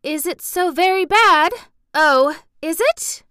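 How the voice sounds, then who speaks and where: A woman voicing a frightened, pretty young society mother who pleads and cries out in a high voice while reading a storybook aloud. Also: huge pitch swings, a little slow, fairly bright tone, no room sound, studio quality, exaggerated voice. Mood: distressed pleading.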